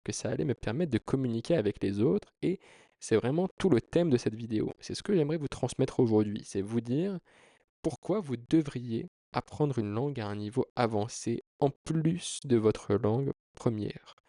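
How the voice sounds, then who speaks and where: This video creator, a native French speaker, explains things casually to camera with earnest, persuasive emphasis. He has a warm, medium-pitched voice with lively intonation and a moderate pace, captured at studio quality without room sound.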